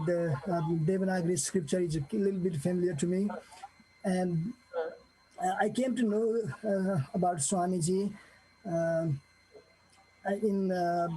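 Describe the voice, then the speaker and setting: High, husky man. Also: dark tone, rough recording. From Nepal. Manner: earnest, halting, many fillers and restarts. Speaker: guest sharing a devotee testimony. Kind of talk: casual spoken testimony.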